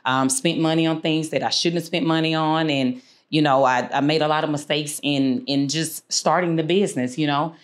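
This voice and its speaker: A woman in her thirties from Houston, a business owner talking through her career as an interview guest, unhurried and full of fillers. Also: low voice, fairly even intonation. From Houston, Texas. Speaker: guest, insurance agency owner. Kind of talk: casual interview. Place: small studio room, seated.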